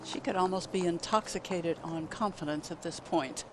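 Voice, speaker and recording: A male golf commentator offers conversational analysis of shots and greens. His pitch is notably high for a man, and heavy outdoor background noise surrounds the voice. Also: normal speed.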